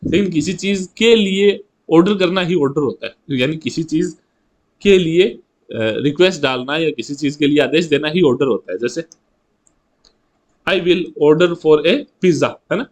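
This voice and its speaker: A man teaching an exam-prep grammar lesson, chatty, asking rhetorical questions and reading example sentences slowly. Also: fairly high pitch.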